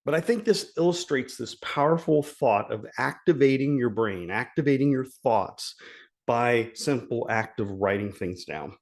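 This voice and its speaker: A man's voice: mid-range voice, expressive, measured pace. A man giving a motivational coaching talk, earnest and emphatic, repeating key phrases for effect. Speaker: life coach.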